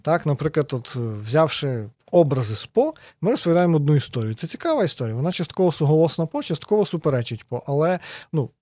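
A man as a podcast guest, a sociologist explaining ideas in an animated, conversational way and often checking in with tag questions. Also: on the high side, fast, dry recording.

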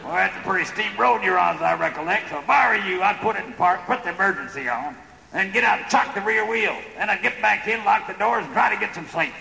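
A man's voice: high voice, lively intonation, quick pace, creaky, bright, forceful tone, reverberant, in a large hall, exaggerated voice, rough recording. An actor playing a cranky, folksy country gas station man, heard over a CB radio. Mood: wry. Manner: folksy, drawling country talk. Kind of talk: comic radio drama acting.

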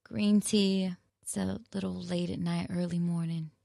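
Woman, podcast host, casual solo chat, rambling, gravelly low voice. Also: no echo, studio quality. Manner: rambling, musing and self-correcting; relaxed and unhurried.

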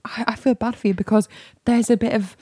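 A woman's voice: on the high side, fairly even intonation, brisk, warm tone, husky, no room sound. A woman, co-hosting a casual podcast chat and teasing her co-host with dry wit.

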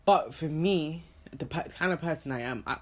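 A woman's voice: deep voice, normal speed. A young woman, chatting casually and playfully on a podcast about her dream jobs and her schooling. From Trinidad. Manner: playful, laughing, animated storytelling. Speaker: podcast guest. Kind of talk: casual chat.

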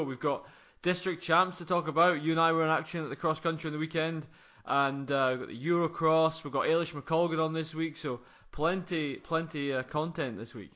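A man's voice: a little high, sharp tone, muffled recording. A man in his thirties chatting casually about sport as a podcast co-host. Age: 30s.

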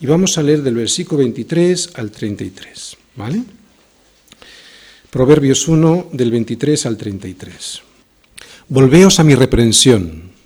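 A man's voice: fairly high pitch, a little mellow, slightly rough. A male pastor preaching a sermon in a church, reading scripture and asking the congregation questions.

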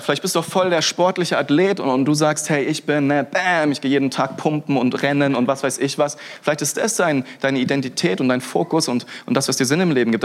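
A young man giving a sermon as a pastor, talking casually and energetically, with frequent restarts and interjections. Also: medium pitch. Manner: lively, colloquial, with frequent "hey" and restarts.

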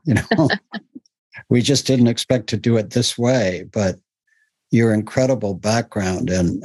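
A man hosting a contemplative interview, speaking gently and pausing often over a video call. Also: fairly low pitch, breathy edge, no echo, poor audio. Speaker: host.

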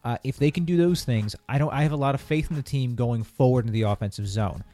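A man's voice: mid-range voice, quick pace, dark tone, faint music behind. A man co-hosting a casual sports talk podcast, earnest and opinionated, often restarting his sentences. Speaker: podcast co-host.

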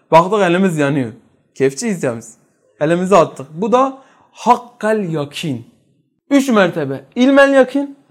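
A man teaching a religious study lesson who quizzes his listeners with rhetorical questions and drops from loud emphasis into quiet, low asides.

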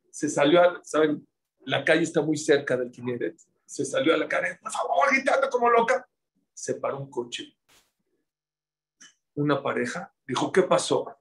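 A middle-aged man giving a religious class, telling stories in an animated way and repeating words for emphasis. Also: on the high side, poor audio. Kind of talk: sermon with storytelling.

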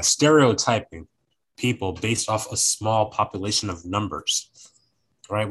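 A man's voice: fairly low pitch, poor audio. A young man talking casually on a podcast, rambling and repeating phrases as he searches for words.

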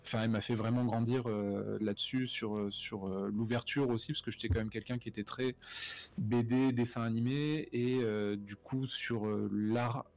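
A man's voice: mid-range voice, fairly even intonation, moderate pace, a little mellow. A man talking casually as a guest about his career, hesitant with many fillers and restarts. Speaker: guest, animation director. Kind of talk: casual conversational interview.

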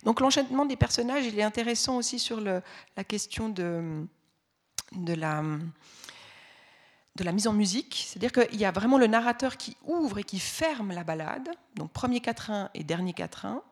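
A woman's voice: medium pitch, moderate pace. Hesitant French woman lecturing on music. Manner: explains patiently, with frequent hesitations and restarts; reads the ballad aloud with expressive voices. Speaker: music teacher. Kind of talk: spoken lecture.

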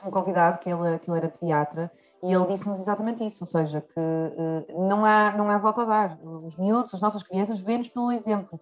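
Quick-talking Portuguese woman host, supportive. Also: medium pitch. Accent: European Portuguese. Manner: supportive, with many short agreements. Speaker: podcast host. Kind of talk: casual podcast interview.

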